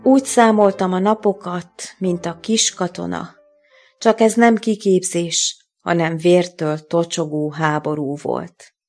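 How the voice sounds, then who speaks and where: A woman author reading her own literary prose aloud in a slow, measured, grave manner. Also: fairly low pitch, fairly even intonation, a little mellow, soft background music.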